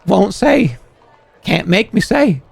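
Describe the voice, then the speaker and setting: A man's voice: high-pitched, very animated, slow, vocal fry, slightly rough, no echo, pitched above the performer's own voice, heavily acted. A man voicing a squat, fearful game creature, a reluctant fortune teller who talks hesitantly and evasively. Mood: fretful, pleading. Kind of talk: voiced game character on a livestream.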